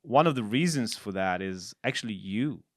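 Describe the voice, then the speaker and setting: Man, forties, low dry voice, casual co-host, many fillers. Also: lively intonation, no echo. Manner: halting, many fillers and restarts. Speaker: podcast co-host. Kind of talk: casual conversation.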